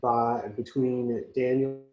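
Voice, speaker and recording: A man speaking as a community organizer on a conference call whose audio keeps breaking up, talking in a slow, halting way with many pauses. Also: medium pitch, level tone. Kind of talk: speaking as a guest on a panel. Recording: muffled, echoey conference call line.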